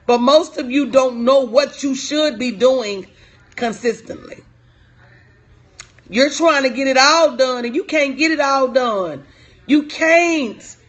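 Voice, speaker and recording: Her voice sits high with a fairly bright tone. She's a woman in her forties, a business coach responding to viewers on a live stream, and her delivery is emphatic, repetitive, casual and direct.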